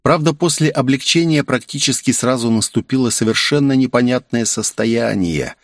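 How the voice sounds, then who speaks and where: An audiobook narrator with a mid-range voice reads a first-person action story in a steady, measured storytelling style. The recording is studio quality with no room sound.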